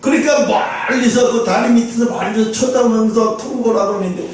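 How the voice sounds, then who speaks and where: A male pastor delivers a sermon with a strikingly high voice, telling the story animatedly and acting out what each person says. His voice rings through a very echoey church hall and is picked up from well away from the mic. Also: fairly even intonation, a little fast, distant mic, soft background music. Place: church sanctuary.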